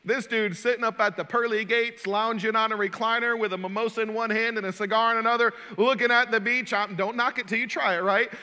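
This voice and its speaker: A male pastor preaches with a bright, ringing voice that rides up high. He swings from loud proclamations to hushed lines and drops in folksy jokes. A long hall reverb and faint music sit behind him. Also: steady tone, brisk, few pauses, clean tone. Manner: folksy, joking asides. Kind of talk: sermon.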